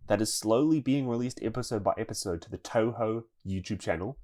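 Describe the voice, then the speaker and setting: Low-voiced man hosting a casual podcast. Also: brisk, a little mellow. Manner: chatty, laughs while reading news. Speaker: podcast co-host.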